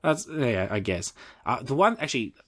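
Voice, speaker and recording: A man co-hosting a casual gaming podcast, rambling through animated retellings of what happens in the game. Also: mid-range voice, moderate pace. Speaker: podcast co-host.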